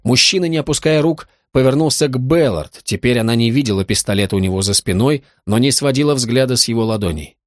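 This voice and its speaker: A man reading a crime novel aloud in a steady, even storytelling manner. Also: mid-range voice, fast talker, few pauses, no echo, studio quality. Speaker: audiobook narrator. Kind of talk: scripted narration.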